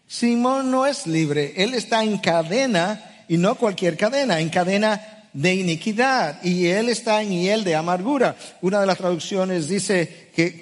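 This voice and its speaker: Middle-aged man, pastor, forceful sermon delivery, slightly high voice, long hall echo. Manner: emphatic preaching, reads and restates scripture verses.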